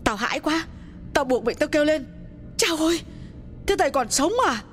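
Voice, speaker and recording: A woman voicing a frightened older village woman in an audiobook, speaking in a trembling, hushed and urgent way. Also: medium pitch, expressive, normal speed, soft background music, lightly acted. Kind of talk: audiobook dialogue reading.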